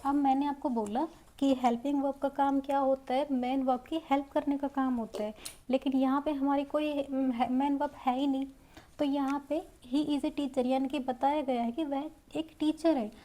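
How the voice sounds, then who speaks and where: Female grammar teacher, high and mellow, patient step-by-step classroom explaining. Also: fairly even intonation, normal speed. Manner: explains step by step, repeating each example in Hindi and English. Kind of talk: Hindi-medium grammar lesson.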